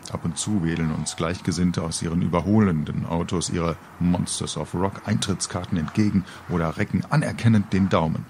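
With slight background noise, a middle-aged man reads his own humorous story in a low, somewhat mellow voice. It is scripted audiobook narration, delivered wryly and colourfully.

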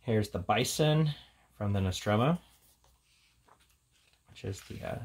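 Speaking slowly and expressively, a man with a lowish, slightly mellow voice gives an offhand showcase of books. His reviewer commentary is casual, just talking through what he has on hand.

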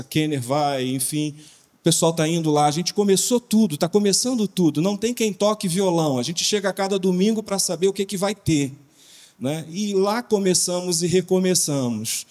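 A Brazilian man, a pastor speaking on a conference panel, telling a story in a lively, informal way with slang. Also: high voice, normal speed. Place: conference hall. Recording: long hall reverb.

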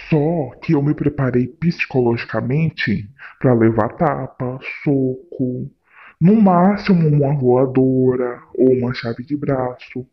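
A man's voice: medium pitch, highs cut off. A man hosting a casual prank vlog, talking in a playful, theatrical way. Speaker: prank vlogger.

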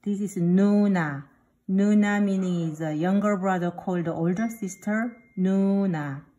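A woman teacher giving a beginner language lesson, slowly drilling syllables and repeating each word aloud. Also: medium pitch, warm tone. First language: Korean. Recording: dull lo-fi recording.

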